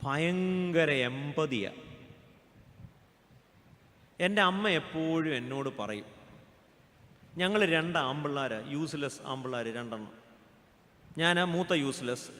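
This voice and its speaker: A man's voice: on the high side, a bit bright. A man preaching a sermon as a pastor, joking and asking his congregation questions. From Kerala, India. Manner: humorous, asks the congregation questions. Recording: long church hall reverb.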